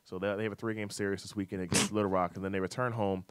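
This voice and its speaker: A man's voice: low-pitched, little pitch movement, very fast, heavy background noise. A man hosting a casual sports talk radio show, reading out scores and schedules with fillers and teasing his co-host.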